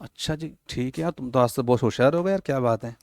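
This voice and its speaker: A man's voice: medium pitch, fast talker, vocal fry, a little mellow, dry recording. A man teaching a coaching class, teasing his students and acting out little scenes as he explains. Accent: Hindi-English mixing, Rajasthan. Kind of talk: classroom lecture.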